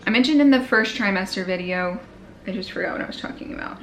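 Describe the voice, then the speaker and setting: Fast and expressive, with vocal fry in her medium-pitched voice, a young vlogger chats through a recap of her pregnancy. She's a little breathless and full of fillers, especially "like," over slight background noise.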